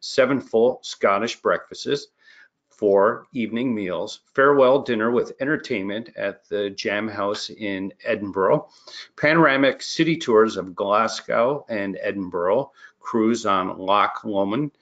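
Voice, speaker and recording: A man presenting travel tour highlights in a casual way, correcting himself and fumbling some place names. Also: a little slow, fairly bright tone. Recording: muffled lo-fi recording.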